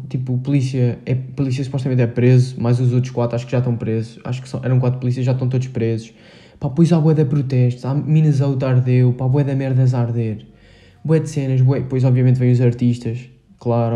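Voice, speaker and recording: A man's voice: mid-range voice, little pitch movement, fairly quick, dark tone, highs cut off. A teenage boy with a Portugal Portuguese accent, hosting a solo podcast in a rambling, hesitant way, full of filler words and slang. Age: teens. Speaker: podcast host. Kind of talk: casual solo podcast monologue.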